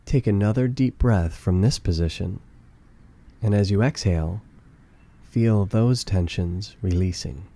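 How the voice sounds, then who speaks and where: A man with a low, very mellow voice offers soothing meditation guidance. The pace is measured, and his tone stays warm and relaxed, his manner calm and gentle throughout.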